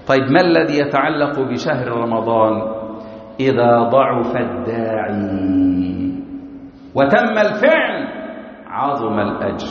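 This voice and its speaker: A man's voice: on the high side, a bit bright. A man preaching a Friday sermon in a mosque, pressing his listeners with impassioned rhetorical questions. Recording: echoey hall, dull lo-fi sound.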